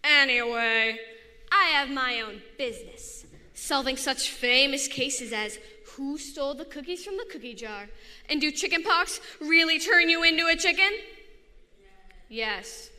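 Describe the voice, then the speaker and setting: A woman's voice: high-pitched, unhurried, sharp tone, voice pushed up, heavily acted. A woman voicing a boastful, self-assured boy detective telling his story. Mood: cocky. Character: confident boy kid detective narrating. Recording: echoey hall.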